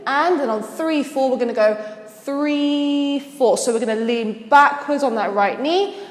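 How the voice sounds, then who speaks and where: A dance instructor with a high voice teaches a routine step by step, explaining each move and counting the beats aloud as she demonstrates. The sound is reverberant, like a big room.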